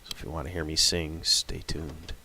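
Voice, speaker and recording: A man with a sick voice giving relaxed, casual commentary over his own gameplay, thinking aloud as he plays. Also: very deep voice, moderate pace. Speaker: gameplay video host.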